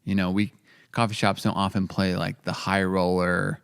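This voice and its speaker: A man's voice: low-pitched, little pitch movement, moderate pace, gravelly, a bit bright, clear, resonant tone. A man co-hosting a casual business podcast, rambling on and acting out bits of quoted dialogue. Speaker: coffee company co-owner, podcast host.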